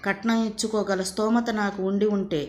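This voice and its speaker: A woman voicing a gentle, sorrowful older father in a storybook reading. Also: medium pitch, level tone, normal speed, a little hiss or hum, lightly acted.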